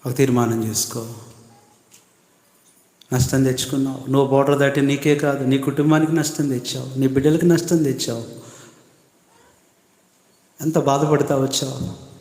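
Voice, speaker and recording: A man preaching a sermon as pastor, in impassioned, rising tones that soften into quiet prayer. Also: mid-range voice, fairly even intonation, normal speed, pauses often. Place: church hall. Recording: echoey hall with long reverb.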